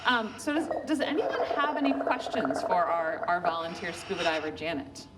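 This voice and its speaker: A woman's voice: lowish voice, sing-song, moderate pace. A woman presenter hosting a live question session for aquarium visitors. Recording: distant voice, loud background noise.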